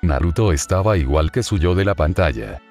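A male narrator with a very low, deep voice reads a fan-fiction story aloud. He reads names and cues in an even, mechanical way, even as his pitch moves widely. Faint background music plays under him. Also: fairly quick.

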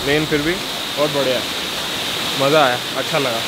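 Brief: young male travel vlogger, slightly high voice, chatty and excited, outdoors with rushing water behind. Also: very noisy. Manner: chatty, excitable, often laughing along. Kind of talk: casual on-the-go vlog chat. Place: outdoors by a mountain river and waterfall. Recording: outdoor vlog with loud river rush.

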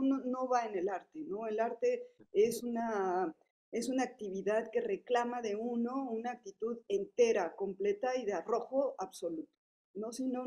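Her pitch is fairly high and her tone warm: a fifty-something Mexican woman serving as a panelist at a public policy forum. She speaks in a relaxed, conversational way with a Mexican Spanish accent, using lots of fillers and tag questions.

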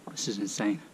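A young man out of breath, talking to an action camera while he climbs a mountain road on a bike. His talk is strained and panting. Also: rough recording. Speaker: vlogger. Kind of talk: cycling vlog to camera. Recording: loud wind and road noise.

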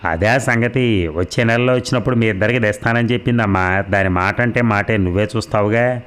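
A man reading the part of a gentle middle-aged father in a storybook, calm and soothing. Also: on the low side, a little fast, clear, resonant tone, close to an everyday voice. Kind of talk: audiobook character reading.

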